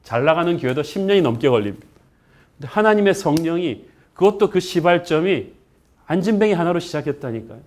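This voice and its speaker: Pastor preaching a lively sermon. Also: male voice, brisk. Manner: earnest preaching that mixes in English phrases; voice climbs and gets louder at the story's high points.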